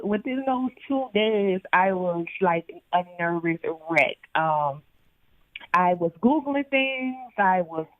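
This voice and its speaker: A woman's voice: medium pitch, dry recording. Woman on a tinny phone line. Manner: hesitant, many fillers. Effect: heard over the phone. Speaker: interview guest. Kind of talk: personal story told in an interview.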